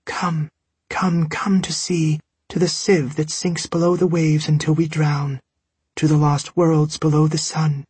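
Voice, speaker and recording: A man voicing a wistful ghostly young female sea spirit who calls out softly in a high, pleading voice. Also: flat delivery, unhurried, husky.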